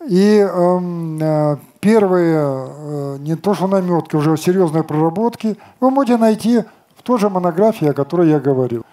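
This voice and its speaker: An older man talking on an outdoor festival stage in a somewhat high but dark, mellow voice. He lectures with confidence and answers objections with rhetorical questions of his own. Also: expressive, moderate pace. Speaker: company chief designer answering questions.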